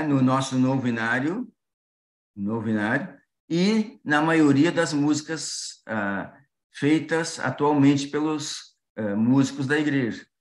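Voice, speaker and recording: A man teaching music in a patient explanatory way, often pausing with fillers and checking that listeners follow. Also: medium pitch. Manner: sings short melody syllables to demonstrate. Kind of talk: online class explanation. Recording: roomy echo.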